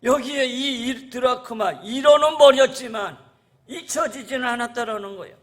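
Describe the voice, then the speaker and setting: High-voiced male pastor preaching. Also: normal speed, a bit bright. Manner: earnest preaching, repeats "라는 거예요" endings; addresses the congregation as "여러분". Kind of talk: sermon.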